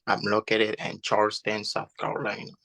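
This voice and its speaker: A man in his twenties with a gravelly, sharp-edged voice, somewhat low. He keeps his answers short and plain. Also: monotone, moderate pace, no room sound. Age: 20s. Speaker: caller.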